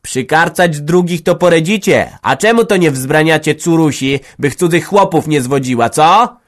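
A man's voice: normal speed, lightly acted. A man reading an audiobook, voicing a quarrelsome village woman who shrieks taunts. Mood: spiteful. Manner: shrill, loud, taunting. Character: quarrelsome village headman's wife, shrill and spiteful. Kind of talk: audiobook character voice.

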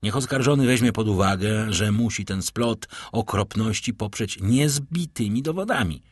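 Guy doing a stern judge, insistent, low husky tone. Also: normal speed, dry recording, studio quality. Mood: demanding. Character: stern male court president, demanding. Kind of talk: audiobook reading.

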